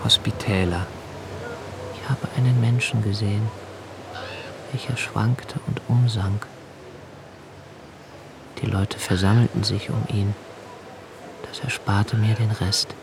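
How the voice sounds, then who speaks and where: Over a noisy background, an actor voices an anxious, lonely young writer in a literary radio play monologue. His low, gravelly voice stays steady in tone, and his brooding, observant delivery is hesitant and thoughtful, at times nearly a whisper.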